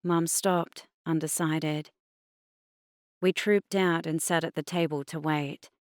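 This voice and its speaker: A woman with an Australian accent reading a novel aloud in steady, even scripted narration. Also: low voice, slow, dry recording, clean studio sound. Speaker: audiobook narrator.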